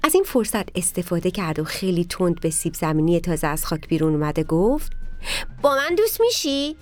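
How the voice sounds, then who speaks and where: A woman narrating a children's story, speaking directly to the kids in an animated way. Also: lowish voice.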